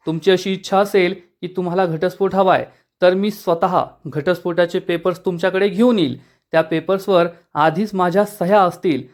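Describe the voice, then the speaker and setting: A playful young husband teases with easy confidence, as a man reads his lines. The voice is high-pitched. It is delivered plainly, within a spoken recap of a serial episode. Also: close to an everyday voice. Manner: teasing, confident.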